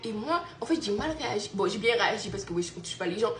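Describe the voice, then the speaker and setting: This young Guadeloupean mother animatedly tells a friend a story over a phone video call, laughing often and checking "you see?" Her mid-range voice is lively and quick. The casual storytelling chat is recorded in a home room with a roomy echo.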